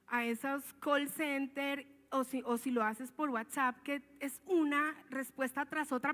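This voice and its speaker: A woman's voice: high voice, fairly bright tone. A woman with a Colombian accent giving a conversational, emphatic sermon and asking her listeners questions. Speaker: preacher. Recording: long hall reverb.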